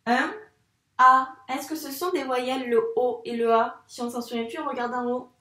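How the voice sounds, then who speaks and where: A woman's voice: high-pitched, steady tone, sharp tone, echoey room, far from the mic. A woman teaching young children to read, speaking patiently and sounding out letters with care. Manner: patient, slow, over-articulated sounds for children. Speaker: primary school teacher. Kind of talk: reading lesson for young children.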